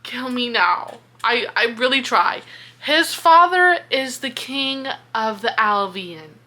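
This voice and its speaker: Talking slowly in a fairly high voice, a young woman casually discusses a book she is following along with. Her thinking-aloud is animated and exasperated, peppered with swearing.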